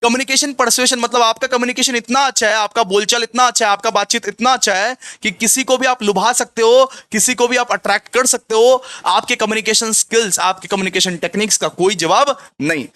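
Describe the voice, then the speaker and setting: Bright, high-voiced male tutor. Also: brisk, hardly any pauses, smooth, dry recording. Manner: repetitive, asks the class rhetorical questions and answers them himself. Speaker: commerce tutor. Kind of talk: exam revision lecture.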